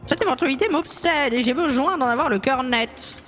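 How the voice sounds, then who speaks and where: A woman's voice: sits high, fairly quick, a bit bright. A woman voicing a worried older female café owner who suspects her husband, in a fan dub of a game scene, hesitant and fussy. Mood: anxious. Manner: hesitant, fussy, many sighing fillers.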